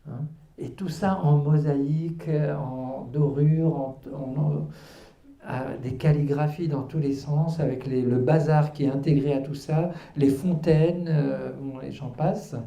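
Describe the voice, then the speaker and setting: A man's voice: on the high side, fairly even intonation, a little slow, warm tone, roomy sound, muffled recording. A man in his fifties, born in Algeria and raised in Paris, speaking earnestly as the guest at a public book talk, with many hesitations and restarts. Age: 50s. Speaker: author and guest. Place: cultural centre hall.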